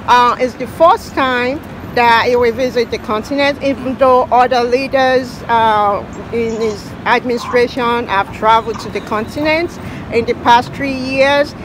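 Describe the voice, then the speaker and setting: High-voiced woman hosting outdoors. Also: fairly even intonation, a little slow. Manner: hesitant, many fillers. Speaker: news host and interviewer. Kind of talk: unscripted news wrap and interview. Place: outdoors in a busy city park. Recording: outdoor park with crowd and traffic noise.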